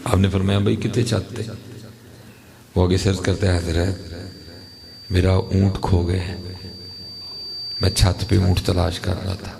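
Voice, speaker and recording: Deep gravelly preacher. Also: male voice, little pitch movement, pauses often, a crowd in the background. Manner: storytelling with Punjabi asides and chanted verse. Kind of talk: sermon storytelling.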